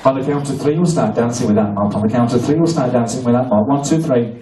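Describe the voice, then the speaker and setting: A man performing a live comedy hypnosis show on stage, mixing crude, cheeky banter with slow hypnotic patter. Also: mid-range voice, noisy background. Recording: echoey venue from far off, loud crowd. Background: laughing audience.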